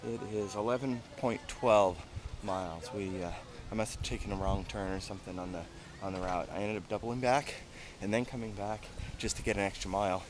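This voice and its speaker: Man, casual vlogger, hesitant low-key delivery, background noise. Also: brisk. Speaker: running vlogger. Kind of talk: casual vlog chat, standing at home before and after a run.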